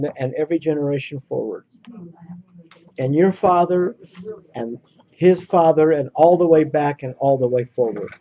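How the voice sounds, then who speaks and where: A man's voice: a little high, dark tone, a little hiss or hum. Earnest storytelling man, muffled recording. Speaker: workshop leader. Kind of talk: speaking to a small audience.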